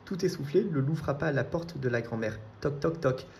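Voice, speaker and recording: A man reading children's storybooks aloud in a steady storytelling way. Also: on the high side, fairly quick, creaky, a little hiss or hum. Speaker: reader.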